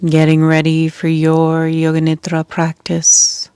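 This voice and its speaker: A woman with a deep voice leads a yoga nidra meditation in a completely flat delivery, and there is no room sound. Her soothing hush carries soft breathy edges near a whisper, with long pauses.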